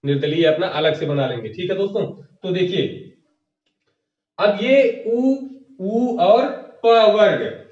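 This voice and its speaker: A male teacher with a high voice runs an exam-prep grammar lesson. He poses a question, then answers it himself, and repeats each key term for his listeners. The sound is dull and lo-fi, echoing from a distance in the room. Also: lively intonation, slow, long pauses, darkish tone. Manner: asks the class questions and answers them himself; repeats key terms, addressing viewers as friends.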